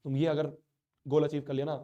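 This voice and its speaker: A man's voice: fairly high pitch, completely flat delivery, a little fast, mellow, muffled recording. A man teaching a live online class, speaking in a hurt, earnest, pleading way while he has a sore throat and a stuffy nose.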